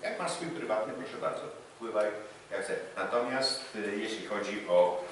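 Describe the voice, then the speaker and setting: A man's voice: lowish voice, normal speed, fairly bright tone, slight background noise. A middle-aged man gives a lecture on sailing qualifications in front of a projection screen, with many hesitation fillers. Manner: talks with many fillers, gesturing and pointing at the screen. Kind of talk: lecture with slides. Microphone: far camera, no visible mic. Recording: echoey lecture room from far off.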